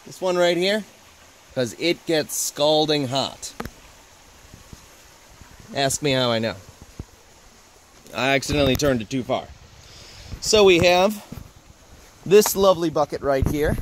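A man's voice: fairly high pitch, slight background noise. A young man in his twenties giving a chatty, joking walking tour outdoors in the woods, filmed on a handheld camera at arm's length.

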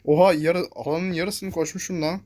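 A man's voice: on the high side, fairly even intonation, moderate pace, a little mellow. A young man giving live gameplay commentary, talking to his viewers and cursing at the enemies that chase him. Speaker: gameplay streamer.

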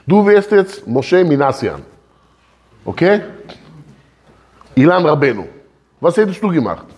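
A man teaching a religious lesson as a rabbi, animated and often putting questions straight to his listeners. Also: a little high, measured pace, husky. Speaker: rabbi teaching a Torah class.

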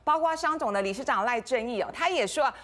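A woman's voice: on the high side, expressive, fast talker, fairly bright tone. A woman with a Taiwanese Mandarin accent hosting a studio current-affairs talk show, emphatic and full of rhetorical questions.

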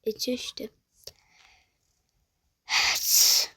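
A young woman narrating and voicing characters in a toy-style game role-play, swinging between loud excited lines and hushed whispers. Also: extremely slow, dry recording. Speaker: toca life roleplay creator.

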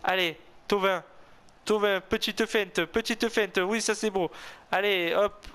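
A young man from southern France doing solo commentary on a football video game, rambling between plays and bursting into repeated shouts at goals, his voice going hoarse. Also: sits high, a little slow. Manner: excitable, shouts repeated goal calls, rambling asides. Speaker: gaming youtuber.

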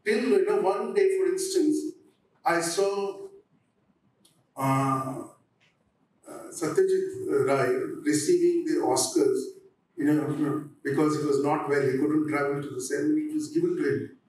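Casting: man, 60s, halting reflective panel speaker, slightly high voice, heard in a very echoey hall. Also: steady tone, darkish tone, distant mic, a little hiss or hum. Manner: halting, with frequent pauses and restarts. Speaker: theatre practitioner on a discussion panel. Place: on stage in an auditorium. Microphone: handheld microphone.

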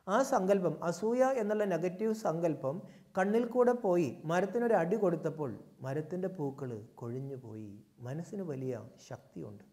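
A man giving a spiritual talk, putting questions to his listeners and answering them himself, moving between loud emphasis and soft low asides. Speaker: spiritual teacher.

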